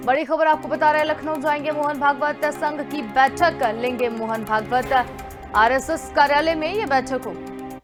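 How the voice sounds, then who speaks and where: High-voiced woman anchoring the news. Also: normal speed, music in the background. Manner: reads bulletin items smoothly. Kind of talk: studio news reading.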